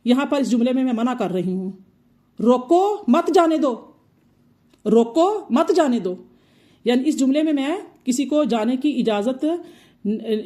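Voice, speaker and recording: Female recitation teacher, higher-pitched, patient and repetitive delivery. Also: a little mellow. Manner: patient, repeats points slowly. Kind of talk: explanatory tajweed lesson.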